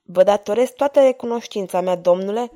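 A woman's voice: mid-range voice, dark tone, lightly acted. A woman voicing a frightened, noble young lady of eighteen who pleads in a trembling voice. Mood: grateful.

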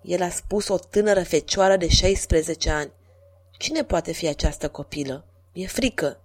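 Brief: a woman playing a sly, sardonic jester, sharp-tongued and mocking. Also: fairly low pitch, steady tone, close to an everyday voice. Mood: fearful. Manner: mocking, quick jibes. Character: sardonic male court jester, witty and uneasy.

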